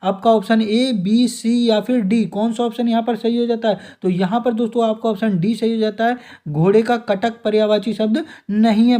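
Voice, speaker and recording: Young male tutor, mellow warm tone, brisk quiz-style revision delivery. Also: high-pitched. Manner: calls the listener "दोस्तों" often, reads options then gives answer. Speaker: exam prep teacher.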